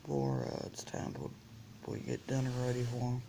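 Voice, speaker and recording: A person giving a casual, halting product review, reading out details item by item with pauses. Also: medium pitch, completely flat delivery, gravelly, dark tone. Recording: noisy room, crinkling bag and clicks.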